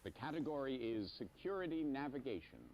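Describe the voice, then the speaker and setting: A man's voice: medium pitch, expressive, fairly quick, over music, natural voice. Q, a man playing a mocking cosmic quiz host. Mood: sarcastic. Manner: sarcastic, mocking, theatrical. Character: smug all-powerful male trickster entity hosting a quiz. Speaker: game show host. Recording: noisy game audio.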